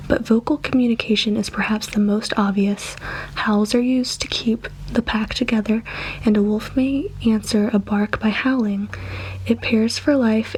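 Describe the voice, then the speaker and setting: A woman whispering softly and breathily in an ASMR style, gently reading nature facts aloud without hurry. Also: mid-range voice, slightly rough, poor audio. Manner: soft, unhurried, gentle.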